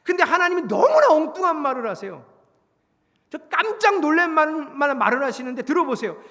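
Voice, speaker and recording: A man preaching a sermon as pastor, animated and acting out dialogue in shifting voices. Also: very high voice, fairly quick, big-room sound. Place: church sanctuary.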